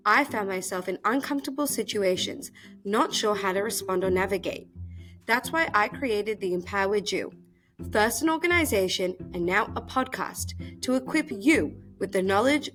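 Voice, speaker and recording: A woman's voice: mid-range voice, a bit bright. A woman hosting an interview podcast, friendly and encouraging toward her guest. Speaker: podcast host.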